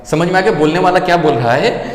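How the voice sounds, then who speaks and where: A man's voice: high voice, fast talker. A male teacher explaining grammar, repeating each point and checking understanding with questions. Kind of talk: Hindi grammar lesson. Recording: echoey room with long reverb.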